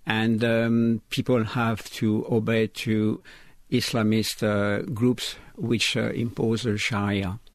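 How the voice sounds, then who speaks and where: A man speaks as a live interpreter voicing a guest's account. He talks slowly and haltingly, with frequent fillers and restarts. The sound is close and dry. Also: fairly low pitch, flat delivery, dry recording. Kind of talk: live interpreter voice-over, rendering a guest's words.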